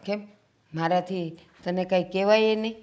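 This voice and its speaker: An actress playing a gentle, pleading, ailing mother-in-law in a Gujarati stage play. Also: fairly low pitch, fairly even intonation, normal speed, a little hiss or hum, lightly acted.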